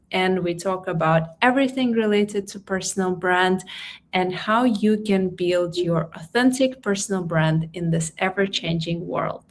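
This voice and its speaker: A woman hosting a career talk show, introducing her guest with frequent fillers. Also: mid-range voice. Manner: warm welcoming intro with many fillers. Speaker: podcast host. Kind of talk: hosted interview chat.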